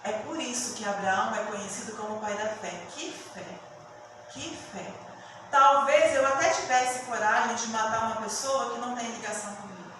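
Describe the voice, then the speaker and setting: A woman with a fairly high voice preaches with emotive storytelling, moving from hushed passages to loud swells. She is recorded from far off in a church hall with a long, roomy echo. Room noise sits under her voice. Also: normal speed. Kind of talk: sermon.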